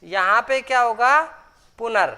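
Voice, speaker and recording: A woman teaches grammar at an unhurried pace, walking through each rule step by step. Her voice is bright, smooth and clear, sitting a little high, and she pauses now and then to ask the class whether it has followed. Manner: explains step by step, often asks the class if it is understood. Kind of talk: classroom lecture.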